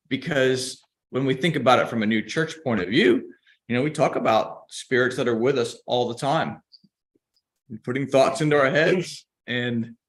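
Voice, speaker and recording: A man's voice: medium pitch, a bit bright. A man teaching a church class in a conversational way, often checking in with his listeners. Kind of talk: casual lecture commentary.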